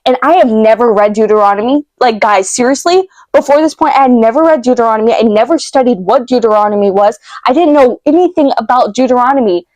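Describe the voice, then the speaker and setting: A woman vlogger retelling a vivid dream to camera, emotional and halting, with many fillers and restarts. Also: fairly high pitch, lively intonation, darkish tone, no room sound. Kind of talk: casual storytelling to camera.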